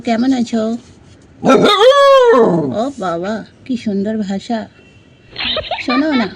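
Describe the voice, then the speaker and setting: A woman's voice: on the high side, very noisy. Woman cooing at barking dogs. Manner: cooing, affectionate baby talk to animals. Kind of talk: talking to neighborhood dogs on camera.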